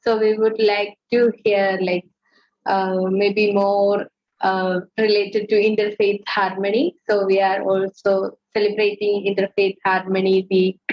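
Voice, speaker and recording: Slow, halting woman host. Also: medium pitch, little pitch movement. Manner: halting, full of fillers like "like" and "uh". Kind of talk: casual chat over video call. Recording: dull lo-fi call audio.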